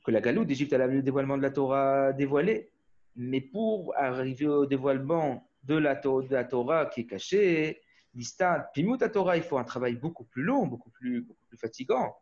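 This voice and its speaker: On a muffled video call, a man born in Australia teaches Torah casually, his medium-pitched voice lively, a little mellow, and at a normal pace. He meanders, starts over often, and throws "hmm?" to his listeners.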